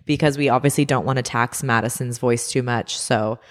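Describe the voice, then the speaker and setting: A woman with a notably low voice hosts a relaxed podcast chat. She talks in a chatty, teasing way and laughs easily. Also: normal speed, long reverb tail. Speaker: podcast co-host. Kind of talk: casual chat.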